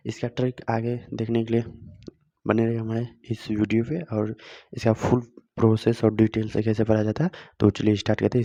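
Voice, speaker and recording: A man gives a grammar lesson in a mellow, dark voice. He keeps asking questions and answering them himself, going over each step again. The recording sounds dull and lo-fi. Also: medium pitch. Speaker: Hindi grammar teacher. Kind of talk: video lesson.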